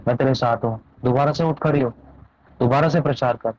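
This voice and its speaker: A man preaching voices the Lord as a gentle but commanding male divine figure, giving urgent repeated commands. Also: medium pitch, fairly quick, natural voice. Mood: urging. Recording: dull lo-fi dry recording.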